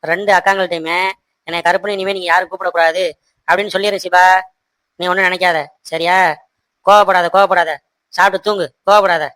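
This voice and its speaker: A man's voice: sits high, little pitch movement, fast talker, long pauses, pushed and bright, no room sound. Man voicing a harried, placating cartoon husband. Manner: soothing, placating, talks to the audience. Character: harried young husband, stuck between wife and sisters. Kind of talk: cartoon voice acting.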